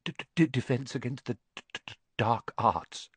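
A man's voice: mid-range voice, moderate pace, breathy edge, natural voice. A man voicing a pale, nervous young male teacher who stammers heavily and timidly.

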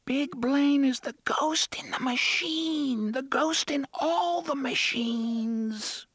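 A man voicing a very young, frightened child speaking from a train's intercom in a soft, mournful whisper. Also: very high voice, takes it slowly, no room sound, pitched above the performer's own voice, exaggerated voice. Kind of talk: audiobook character voice.

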